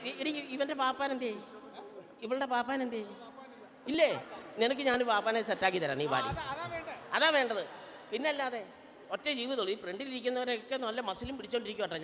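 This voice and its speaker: A man's voice: very high voice, full character voice. Man playing a brash bossy auntie. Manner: loud, bossy, teasing, calls people up to the stage. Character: brash teasing middle-aged Kerala auntie, bossy, flirty. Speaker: stage comedian and emcee. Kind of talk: live stage comedy with audience banter. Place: convention hall stage. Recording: reverberant convention hall PA.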